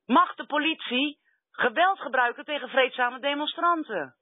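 A woman's voice: high voice, moderate pace. A woman arguing insistently and confrontationally as an activist caller making a heated complaint over a landline phone. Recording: roomy, tinny telephone line.

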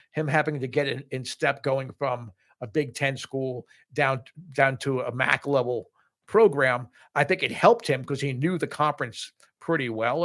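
Middle-aged male podcast co-host, eager and chatty, medium pitch, lots of restarts. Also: a bit bright. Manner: enthusiastic, repeats words and restarts. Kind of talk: casual sports podcast chat.

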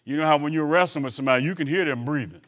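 A male bishop preaching a sermon, asking "Amen?" of the congregation, swinging between loud emphatic lines and quiet asides. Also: a little high, very fast. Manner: preaching with call-and-response asides.

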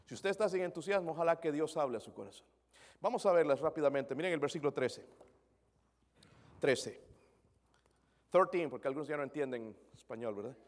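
A man's voice: a little high, expressive, a little fast, long pauses, long reverb tail. A man preaching a sermon as pastor, asking the congregation questions and dropping English words into his Spanish.

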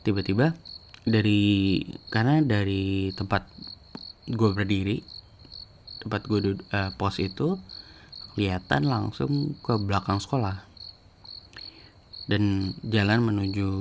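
A man tells a personal story in a relaxed, rambling way, often restarting his sentences. His voice sits low and has a gravelly edge. There is a faint hiss under the recording. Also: unhurried, long pauses. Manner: rambling, with many restarts and fillers. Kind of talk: casual spoken storytelling.

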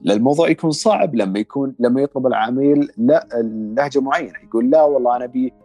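A male voice-over artist chatting in an interview, talking fast with many fillers and restarts. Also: medium pitch, mellow, soft background music. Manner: quick, hesitant, many fillers. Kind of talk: casual interview chat.

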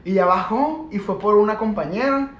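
A man's voice: high voice, normal speed, highs cut off. Slangy young Mexican man, echoey room. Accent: Mexican Spanish. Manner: slangy, laid-back storyteller. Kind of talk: casual podcast chat, storytelling.

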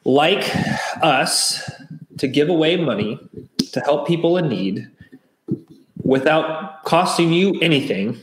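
A man co-hosting a podcast, chatting casually and plugging the channel with enthusiasm. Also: mid-range voice. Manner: upbeat, promotional. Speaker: podcast co-host. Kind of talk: casual chat. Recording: roomy echo.

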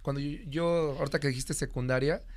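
A man's voice: mid-range voice, fairly even intonation, quick pace. A middle-aged man who teaches secondary school, chatting casually with plenty of fillers. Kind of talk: casual conversational talk.

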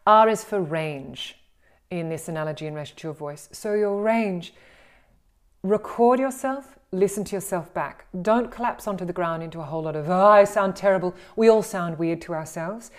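A woman with an Australian accent, teaching voice and speaking skills in an animated, encouraging way and acting out the exercises she describes. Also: fairly low pitch, normal speed. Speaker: voice and communication coach. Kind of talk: instructional talk on speaking skills.

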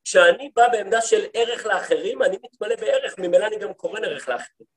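A rabbi teaching a class for women, a man telling stories in a lively way and often turning to his listeners with questions. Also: high-pitched, crowd noise. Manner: lively storytelling, acts out quoted speech; talks to the listeners, asks them questions. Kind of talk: lecture to a women's study group.

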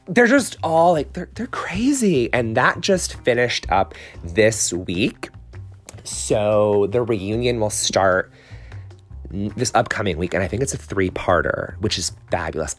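A man hosting a rambling solo podcast chat, gushing and animated, full of exclamations and fillers. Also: medium pitch. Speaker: podcast host.

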